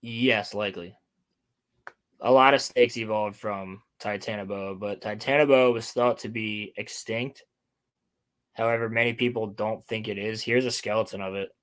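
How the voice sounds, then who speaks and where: A man's voice: fairly low pitch, fairly even intonation, normal speed, fairly bright tone. A man hosting a casual chat, presenting topics and reading articles aloud to his co-host.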